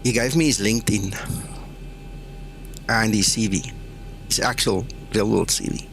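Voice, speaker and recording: A man's voice: lowish voice, a little slow, creaky, fairly bright tone, a little hiss or hum. A man from South Africa with an Afrikaans accent, chatting casually as the host of a flight sim livestream.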